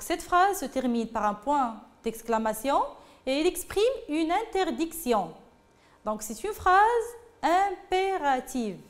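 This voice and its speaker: A woman teaching a French grammar lesson, talking patiently to pupils and repeating phrases as she goes. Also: high-pitched.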